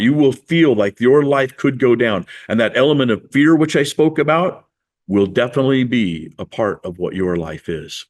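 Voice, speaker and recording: A man preaching a sermon in a conversational, storytelling way, acting out the people he quotes. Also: medium pitch. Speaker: pastor.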